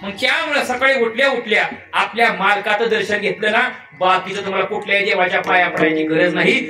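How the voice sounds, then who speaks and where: High-voiced man preaching a playful kirtan. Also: brisk, pushed and bright. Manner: playful, teasing the audience with questions. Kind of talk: devotional kirtan sermon with storytelling. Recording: echoey and distant, live hall with music.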